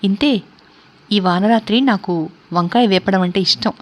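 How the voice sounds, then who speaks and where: A woman's voice: medium pitch, measured pace, lightly acted. A woman voicing bold, teasing young Kamala. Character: bold young woman telling a ghost tale.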